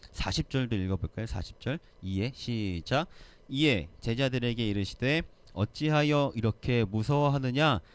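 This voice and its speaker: A man preaching a sermon to a youth group, asking the listeners questions and acting out the scenes he describes. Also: mid-range voice. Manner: animated, asks the listeners questions, acts out quotes. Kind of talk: sermon to teens.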